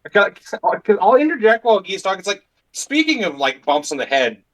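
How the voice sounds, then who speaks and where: Higher-voiced man, stammering player. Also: big pitch swings, brisk, fairly bright tone, poor audio. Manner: apologetic, stammering interjections. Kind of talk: casual tabletop role-play.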